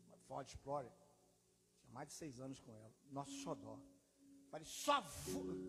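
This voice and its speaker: Brazilian man, pastor, animated sermon storyteller; high voice, long hall echo. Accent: Brazilian Portuguese. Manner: animated storyteller, acts out prayers, laughs at himself. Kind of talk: sermon with personal testimony. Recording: echoey hall with background noise.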